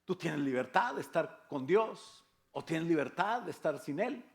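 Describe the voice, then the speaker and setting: A man's voice: a little high, lively intonation, unhurried, vocal fry. An older man with a Mexican Spanish accent, a pastor preaching a sermon in a conversational way, with rhetorical questions and jokes. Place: church.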